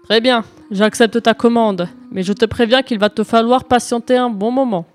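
A woman's voice: fairly high pitch, fairly even intonation, moderate pace, a little mellow, soft background music, lightly acted. A woman reading a storybook and voicing a reluctant blacksmith who grudgingly agrees. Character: gruff male blacksmith, reluctant.

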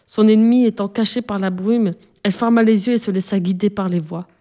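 A woman narrating a children's storybook with an expressive, dramatic reading. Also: medium pitch, fairly quick.

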